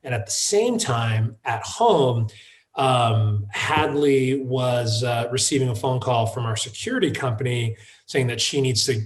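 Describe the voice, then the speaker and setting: A man, the founder of a wine shop, telling a personal story in an interview, halting and restarting with many fillers. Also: mid-range voice. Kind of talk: conversational storytelling.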